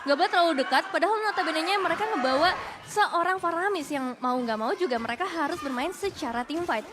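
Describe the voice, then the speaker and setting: A woman's voice: very high-pitched, fast. A woman with an Indonesian accent giving analytical esports commentary as a caster. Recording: clear background noise and ambience.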